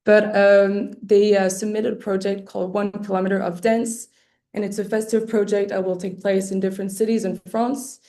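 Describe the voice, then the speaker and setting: A woman presents a webinar about applying for an arts award over a video-call computer mic. Her mellow, slightly hoarse, medium-pitched voice is fading as she talks, and she clears her throat often. Speaking flatly at a normal speed, she stays practical and explanatory, hesitating on fillers and restarting phrases.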